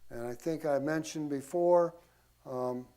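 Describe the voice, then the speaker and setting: A church class teacher with a somewhat high-set, warm voice teaches history to a group, speaking a little slowly. His style is informal and folksy, with casual asides to his listeners.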